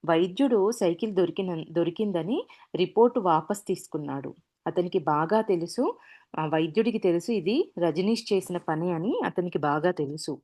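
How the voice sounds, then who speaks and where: Low-voiced woman retelling stories. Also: moderate pace, mellow. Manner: retells anecdotes with many restarts and fillers. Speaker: storyteller. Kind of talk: casual spoken storytelling.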